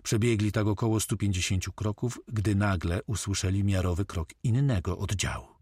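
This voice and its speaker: A man narrating an adventure novel in a steady storytelling manner. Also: lowish voice, normal speed, slightly rough, no echo, clean studio sound. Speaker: audiobook narrator.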